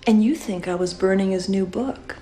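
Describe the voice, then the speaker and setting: An actress playing a bitter, sardonic widow in a TV drama, scornful and cutting with disappointment. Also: female voice, medium pitch, moderate pace, warm tone, slight background noise, natural voice. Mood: defiant, guarded. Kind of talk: naturalistic TV drama acting.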